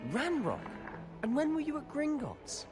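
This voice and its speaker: A man's voice: very high-pitched, big pitch swings, unhurried, music in the background, full character voice. An actor playing a confident, conspiratorial young male student. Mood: curious.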